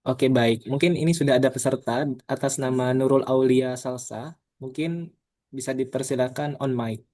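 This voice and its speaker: A man's voice: mid-range voice, normal speed, a little mellow, no room sound. A man moderating a webinar over a video call, politely inviting questions and passing them on. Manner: polite, reads questions aloud. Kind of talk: formal moderating.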